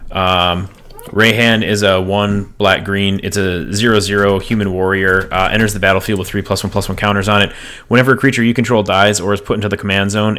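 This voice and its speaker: A man with a low, bright voice talks through deck ideas at an easy pace. He is relaxed and loose, full of fillers and restarts, sounding like a podcast co-host among friends. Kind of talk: casual chat about card game decks.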